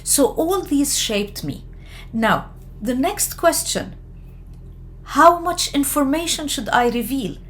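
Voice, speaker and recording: A woman from Lebanon giving an explanatory lecture on research methods, talking in a measured way with frequent fillers and self-corrections. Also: high-pitched, big pitch swings, a bit bright. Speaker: education lecturer.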